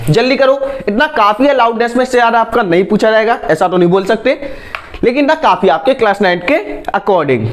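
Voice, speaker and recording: High-voiced guy teaching class, asks a question then answers it himself. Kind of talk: classroom lecture.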